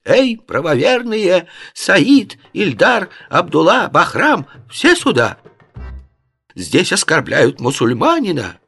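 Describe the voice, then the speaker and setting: A man voicing a shrill, outraged camel driver. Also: huge pitch swings, takes it slowly, creaky, fairly bright tone, breathy edge, faint music behind, exaggerated voice. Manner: shrill, indignant wailing. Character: shrieking outraged male camel driver, middle-aged.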